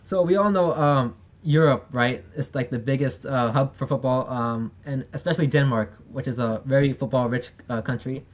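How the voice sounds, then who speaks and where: A man's voice: mid-range voice, moderate pace, few pauses. A man hosting a podcast, opening the show and asking the guest questions in an upbeat way. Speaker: podcast host.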